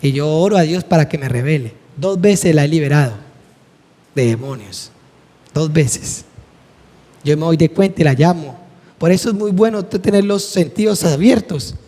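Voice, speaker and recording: In an echoey hall with long reverb, a middle-aged man earnestly leads a church class at a normal speed. His voice is on the high side with a dark tone, and he acts out dialogue from his own stories vividly.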